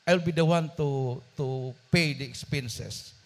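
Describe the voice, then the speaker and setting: A man preaching who voices a wealthy female employer who has turned kind, speaking softly and slowly. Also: mid-range voice. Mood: tender. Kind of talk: sermon storytelling.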